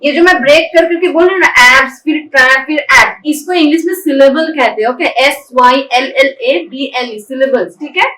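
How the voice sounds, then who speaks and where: A woman teaching a spoken English lesson, her high, bright voice spelling each word letter by letter and splitting it into syllables. She keeps checking in with her students. The echoey room and the distance from the mic give it a hollow sound, with faint ambience behind her. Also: moderate pace, few pauses. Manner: spells words letter by letter, breaking them into syllables. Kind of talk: classroom lesson in Hindi with spelled-out English words.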